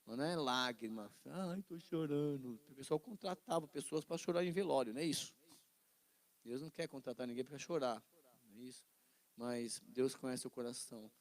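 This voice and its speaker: A middle-aged man with a Brazilian Portuguese accent teaching an informal Bible class, telling the stories with lively acted-out voices and often checking in with his listeners. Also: medium pitch, fairly quick. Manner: animated storytelling, acts out quoted voices, asks listeners "né?".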